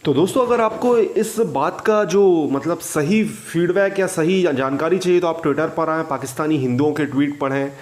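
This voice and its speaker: A man hosting a reaction video, talking to viewers in an agitated, halting way and restarting often. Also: fairly high pitch. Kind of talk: casual commentary to viewers.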